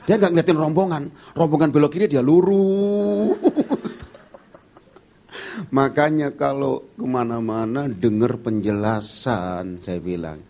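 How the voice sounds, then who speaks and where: A male pastor preaching at a church service, telling humorous stories and acting out the dialogue in a lively way. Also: mid-range voice, slow pace. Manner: lively storyteller who acts out dialogue. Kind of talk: humorous sermon storytelling.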